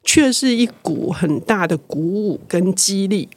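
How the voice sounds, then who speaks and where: An older woman, a publisher, speaking as a guest in a reflective interview, thoughtful and growing lively when excited. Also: mid-range voice, unhurried.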